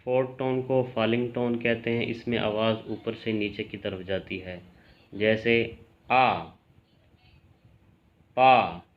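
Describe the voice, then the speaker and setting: A man teaching a language lesson in a calm, measured way, clearly spelling out each sound. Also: lowish voice, lo-fi sound. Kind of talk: slow explanatory lesson.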